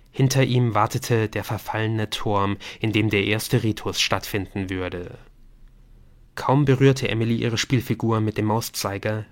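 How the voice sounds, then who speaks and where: A man narrating a youth novel as an audiobook in an even, measured reading. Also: fairly low pitch. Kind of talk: scripted narration.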